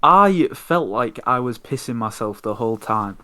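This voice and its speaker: A man's voice: medium pitch, animated, moderate pace, pushed and bright. A young man hosting a podcast, telling an exasperated, sweary story in casual chat. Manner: sweary, exasperated ranting anecdote. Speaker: podcast host.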